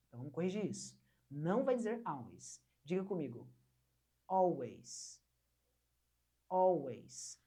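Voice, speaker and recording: A young woman from Brazil teaching an online English lesson, patiently repeating words slowly for learners to copy. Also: medium pitch, slightly rough.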